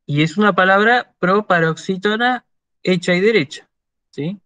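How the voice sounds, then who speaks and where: A man's voice: high voice, normal speed, sharp tone, dry recording. A man with an Argentine Spanish accent giving an online university lecture, patiently checking in with his students as he explains. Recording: dull lo-fi dry sound.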